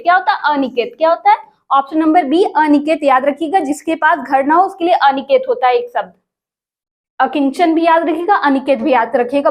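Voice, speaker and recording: A woman teaching an exam prep lesson, asking questions and repeating each answer for viewers. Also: sits high. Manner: addresses viewers as friends, asks and repeats answers.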